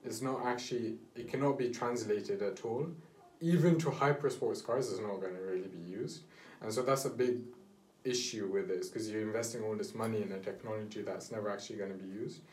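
A man's voice: lowish voice, a little fast, a little mellow. A young man co-hosting a podcast, chatting casually and rambling with lots of fillers. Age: young adult. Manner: rambling, many fillers, laughs easily. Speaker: podcast co-host. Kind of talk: casual chat. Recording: roomy echo, far from mic, faint noise.

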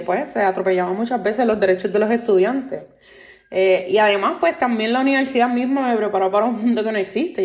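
A Puerto Rican woman in her twenties hosts her own solo podcast, earnestly airing opinionated complaints about workplaces in Puerto Rican Spanish full of fillers like "este" and "pues". Her voice is medium-pitched with a darkish tone, and the recording has a roomy echo.

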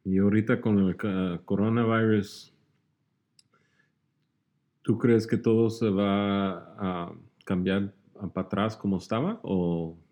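A man's voice: fairly low pitch, fairly even intonation, slow pace, warm tone. A man hosting a casual interview, mostly giving short replies of agreement. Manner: brief encouraging backchannels. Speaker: host. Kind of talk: casual conversation.

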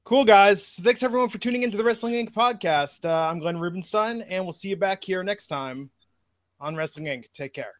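A man's voice: high-pitched, fairly quick, no echo, clean studio sound. A man in his forties hosting a podcast in an easygoing way with short affirmations. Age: 40s. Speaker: podcast host. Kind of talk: casual podcast chat.

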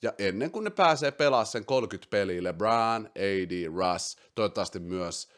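Male podcast host, low voice, very animated, slips into English slang. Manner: excitable, swings loud and quiet; mixes English slang into speech. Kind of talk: casual basketball chat.

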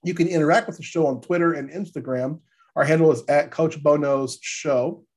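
Stuffy gravelly guy hosting sports podcast, kinda higher voice, congested, casual chat. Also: moderate pace, a little mellow. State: congested from allergies. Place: podcast studio.

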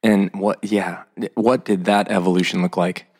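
A man's voice: deep voice, fairly even intonation, moderate pace, darkish tone. A man hosting a podcast from a home, playful and joking with his guest. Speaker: podcast co-host. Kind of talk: casual interview chat. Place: home, indoors.

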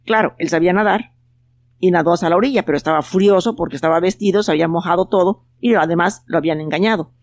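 A storyteller reading a children's tale aloud in a calm, unhurried voice. The recording is dry and close, with no room around it. The pitch sits in an easy middle register. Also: dry recording. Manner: calm, unhurried telling with plain quoted voices. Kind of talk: storybook narration.

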